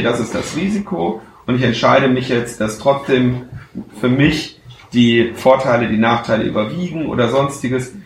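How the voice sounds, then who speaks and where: A man answering audience questions after a talk, frank and hesitant, with many fillers. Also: mid-range voice. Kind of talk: conference Q&A answers. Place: lecture hall. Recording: echoey hall, faint noise.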